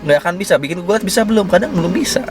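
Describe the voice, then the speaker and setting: A man's voice: high-pitched, animated, very fast, loud music behind the voice. A young man coaching his sales team in a casual group session, chatty and confident, leaning on words with a bouncy intonation.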